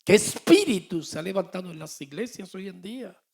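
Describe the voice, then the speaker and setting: Man, 50s, pastor delivering a sermon; gravelly voice pitched a bit high, quiet asides breaking into emphatic declarations. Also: expressive, fairly quick.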